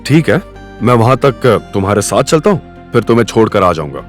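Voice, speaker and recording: A man voices a protective young hero in an audio story, quiet but firm. The voice is lowish with a lively pitch, over soft music. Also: a little fast. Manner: firm, low-spoken.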